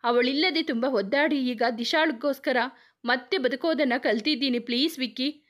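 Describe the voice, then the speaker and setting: A woman's voice: sits high, moderate pace, a bit bright. A woman voicing a young wife and mother with a teasing, fretful manner. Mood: pleading.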